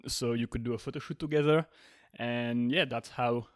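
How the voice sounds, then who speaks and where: A man's voice: medium pitch, steady tone, moderate pace, no room sound, clean studio sound. A man co-hosting a podcast, asking questions in a casual, hesitant way with many fillers. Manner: hesitant, many ums and uhs. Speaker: podcast co-host. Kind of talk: casual interview conversation.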